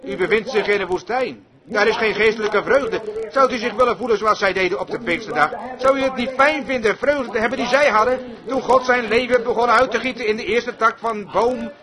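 High-pitched fervent preacher man. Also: a little fast, few pauses, a crowd in the background. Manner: fervent, rhythmic preaching cadence. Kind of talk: sermon.

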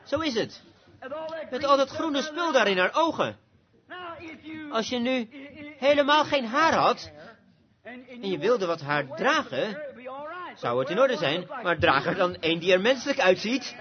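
A man preaching an impassioned sermon that rises to shouts, on a dull lo-fi recording with a crowd behind. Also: sits high, big pitch swings, unhurried, pauses often. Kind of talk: fiery sermon.

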